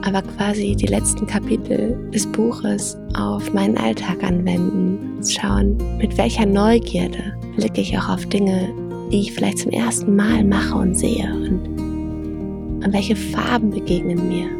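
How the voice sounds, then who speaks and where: A woman reading a story aloud and then reflecting gently as host, soft-spoken and unhurried, in a yoga studio. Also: mid-range voice, steady tone, gravelly, loud music behind the voice.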